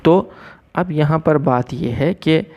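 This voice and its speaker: A man teaching a recorded physics lesson, mixing Hindi with English terms, explaining slowly and checking in often with his students. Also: fairly high pitch, a little mellow, dull audio.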